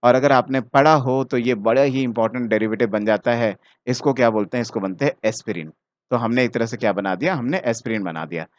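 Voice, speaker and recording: A man's voice: medium pitch, fairly quick, no room sound. A man with an Indian accent, teaching chemistry and working through exam solutions step by step, mixing English terms into his speech and often checking in with the student. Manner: talks directly to the student, often checking "ठीक है ना". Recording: dry, slightly dull mic sound.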